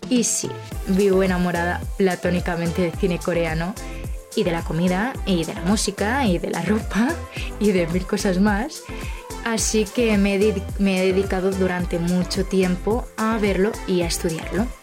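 A woman in her twenties with an accent from Spain, a guest screenwriter talking in a chatty, warm way. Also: medium pitch, steady tone, normal speed, music in the background. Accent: Spanish from Spain. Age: 20s. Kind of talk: casual chat.

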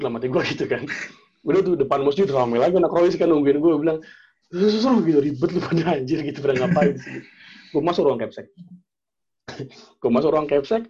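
A young man in casual chat, telling a personal story in an animated way, acting out the dialogue and using plenty of slang and fillers. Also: medium pitch, breathy edge, muffled recording.

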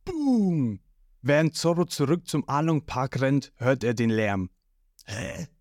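Woman, narrator, audio manga reading, low pitch, animated. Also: measured pace, no room sound, studio quality.

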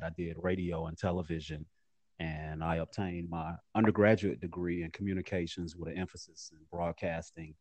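Low-voiced man answering interview questions earnestly. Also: darkish tone, dry recording. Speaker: magazine editor and founder being interviewed.

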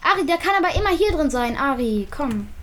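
Gaming host: excitable woman with a high voice, rapid repeated words.

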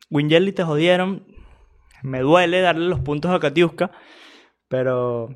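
A man with a Venezuelan accent giving casual, laughing reaction commentary on a video, telling it with lots of slang. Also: mid-range voice. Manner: laughing, animated, slangy storytelling.

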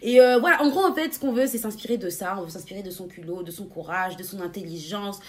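A young woman co-hosting a casual podcast, bubbly, laughing often and filling pauses with hesitations. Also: medium pitch. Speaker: podcast co-host.

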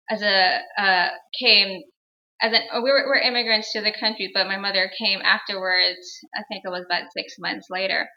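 A young adult woman from Guyana, a guest healer and educator, telling her life story in a measured, earnest way with frequent pauses. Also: medium pitch, bright, forceful tone. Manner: measured, earnest, pausing often. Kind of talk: reflective personal storytelling. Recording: roomy, dull lo-fi sound.

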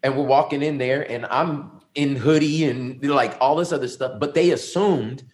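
Middle-aged man, pastor, earnest and reflective, mid-pitched voice, relaxed conversational interview answers. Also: moderate pace. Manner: earnest, reflective storytelling with many ums. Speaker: lead pastor.

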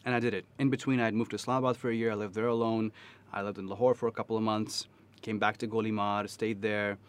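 Fast-talking man with a Pakistani accent. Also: on the low side, little pitch movement, smooth. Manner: emphatic, frequently checks with "right?". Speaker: interview guest. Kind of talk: candid personal storytelling in conversation.

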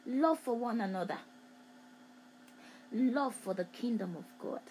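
A woman's voice: fairly high pitch, animated, measured pace, a little mellow, a little hiss or hum, rough recording. A woman preaching a prophetic sermon, repeating phrases with emphatic, rhythmic delivery. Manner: repetitive, emphatic, preacher's cadence.

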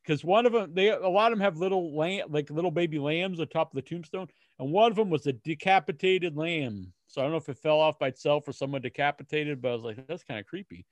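American man, slightly high pitch, casual co-host chat, halting rambling delivery, very dry sound. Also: no room sound. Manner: rambling, halting storyteller with false starts. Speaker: podcast co-host.

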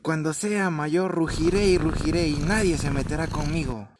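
A small lion cub with a high, youthful voice, played by a man, insisting on himself with stubborn indignation. Storybook audio drama for children. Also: moderate pace, a crowd in the background, close to an everyday voice. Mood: proud.

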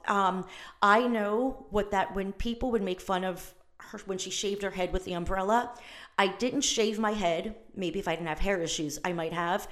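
A middle-aged woman hosts her own podcast in a loose, gushing monologue. She chats fast and breaks off mid-thought, then jumps back in. Her voice sits at an ordinary pitch for a woman. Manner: gushing, chatty, self-interrupting. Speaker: podcast host. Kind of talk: casual solo podcast monologue.

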